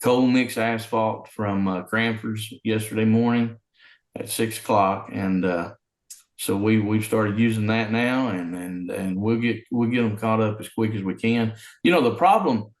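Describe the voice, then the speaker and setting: Man on a breaking-up video call. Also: fairly low pitch. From Arkansas. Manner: halting, many fillers and restarts. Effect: remote conference call audio that breaks up. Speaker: city public works official. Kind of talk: interview over a video call. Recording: roomy sound over a breaking-up call line.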